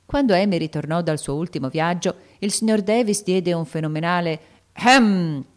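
A woman reading a classic novel aloud in an expressive, dramatic storytelling manner. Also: fairly low pitch, a little fast. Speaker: audiobook narrator. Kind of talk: scripted narration of a classic novel.

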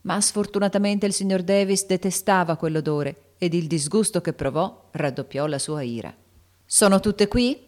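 A woman reading a classic novel aloud in an expressive, dramatic storytelling manner. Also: on the low side, moderate pace, hardly any pauses. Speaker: audiobook narrator. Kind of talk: scripted narration of a classic novel.

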